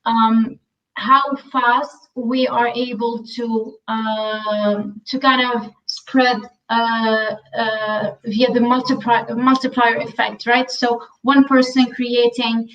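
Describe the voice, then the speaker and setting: A woman from Syria, a podcast guest, speaking thoughtfully with many ums and pauses. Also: on the high side, flat delivery, fairly bright tone, recorded from a distance, muffled recording. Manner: thoughtful, many ums and uhs, self-questioning. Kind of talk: conversational interview.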